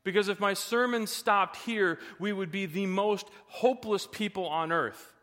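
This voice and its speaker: A middle-aged man preaching a sermon as pastor, emphatic, with joking asides and climbs to shouting. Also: high voice, a little slow. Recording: reverberant hall.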